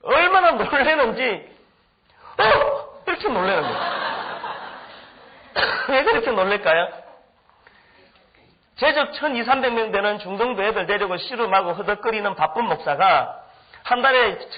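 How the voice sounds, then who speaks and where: A man's voice: high-pitched, normal speed, pauses often. A middle-aged male pastor telling a humorous story in a sermon, acting out the people he quotes. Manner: animated, humorous anecdotes with acted-out quotes. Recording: dull lo-fi recording.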